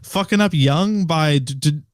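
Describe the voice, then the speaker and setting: A man in his late twenties rambles casually as a podcast co-host, filling his talk with "like" and the odd swear word. His voice is clear and smooth, recorded dry and close. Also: on the high side, measured pace, no echo. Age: late 20s. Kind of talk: casual chat.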